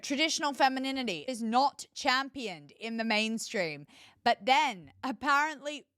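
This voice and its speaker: Woman host going off on a culture rant, kinda high voice, dry close sound, scoffing a lot. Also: lively intonation, moderate pace, fairly bright tone, no room sound. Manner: emphatic, scornful, rhetorical questions. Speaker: political commentary host. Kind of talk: opinionated solo commentary.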